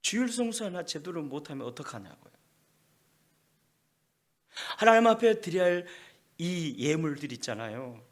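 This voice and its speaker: A man's voice: a little high, big pitch swings, moderate pace, long pauses. A male pastor preaching a sermon emphatically, often prodding the congregation with a rhetorical "eh?". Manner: emphatic, keeps prompting with rhetorical "eh?".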